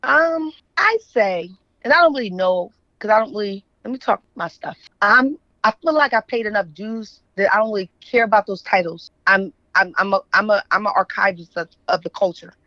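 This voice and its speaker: In a casual conversational interview, an opinionated American guest, an author and journalist, keeps asking the listener "right?" and "you know what I'm saying." She speaks at a normal speed in a medium-pitched voice, and the dry recording has its highs cut off.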